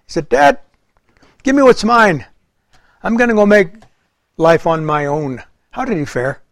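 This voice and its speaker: A middle-aged man preaching a sermon in an earnest way, his voice swelling loud and then dropping soft. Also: fairly high pitch, no room sound.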